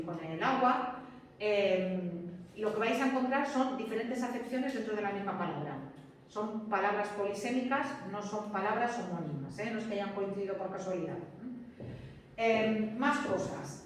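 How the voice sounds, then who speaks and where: A woman's voice: medium pitch, slight background noise. Woman teaching in an echoey classroom. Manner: chatty, peppered with checks for understanding. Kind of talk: classroom lecture. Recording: distant mic in an echoey classroom.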